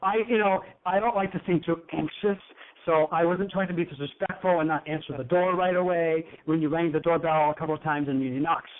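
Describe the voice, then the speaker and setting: A man's voice: fairly high pitch, fairly even intonation, a little fast. A man hosting a talk show in a flamboyant, teasing, effusive manner. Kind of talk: campy talk show chat. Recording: tinny phone-like line.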